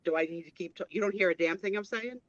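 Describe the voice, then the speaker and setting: A woman's voice: mid-range voice, quick pace, no echo. A woman co-hosting a casual live stream, joking and teasing, her voice muffled and underwater-sounding through a headset mic. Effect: muffled underwater-sounding headset audio. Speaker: co-host.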